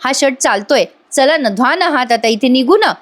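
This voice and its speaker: A high, insistent young wife hurrying her husband along, as a woman puts her on in a serial recap. Her voice rises well above the narrator's own and stays pleading and pushy. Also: animated, normal speed. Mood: impatient.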